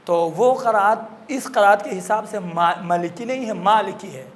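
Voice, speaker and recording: A man teaching a classroom lesson on Quran recitation, explaining patiently and repeating his points. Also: high-pitched.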